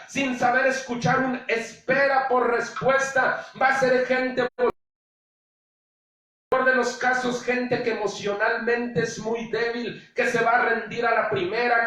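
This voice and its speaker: Slow-preaching pastor in an echoey church. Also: male voice, extremely high pitch, pushed and bright. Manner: preaching slowly, acting out indulgent parents in quoted asides. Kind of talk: sermon. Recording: very echoey room, distant mic.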